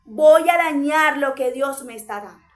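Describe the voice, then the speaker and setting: High-voiced woman preaching emphatically. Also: normal speed, reverberant. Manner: emphatic, repetitive preaching in short parallel phrases. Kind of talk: sermon.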